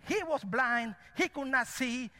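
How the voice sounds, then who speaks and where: Animated preacher with a Cuban-born lilt. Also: male voice, extremely high pitch, unhurried, big-room sound. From Cuba. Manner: animated, dramatic preaching with acted-out voices. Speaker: pastor. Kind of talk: sermon.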